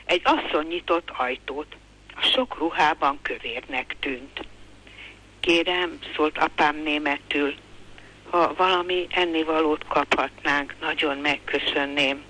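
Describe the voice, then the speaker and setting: A man reading aloud from his own memoir in a calm, measured way. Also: fairly high pitch, low-quality recording.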